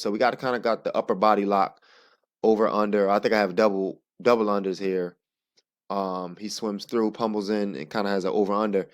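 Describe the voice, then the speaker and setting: A man narrating sparring footage in a casual, halting play-by-play, thinking aloud as he explains each move. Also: on the low side. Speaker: jiu-jitsu practitioner narrating own sparring footage.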